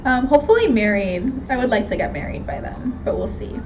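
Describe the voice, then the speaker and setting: On the high side, sing-song and brisk with a darkish tone, this voice belongs to a twenty-nine-year-old American woman from Miami, Florida. She hosts a Q&A vlog answering viewer questions, chatting in a casual, candid, slangy, self-deprecating way, and the audio is dull and lo-fi with background noise.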